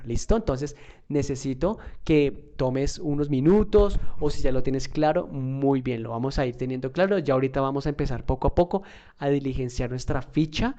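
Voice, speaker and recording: Mellow-voiced man teaching a lesson. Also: a little high. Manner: conversational, repeats himself, many fillers; asks the listener questions. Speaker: English teacher. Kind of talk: online lesson.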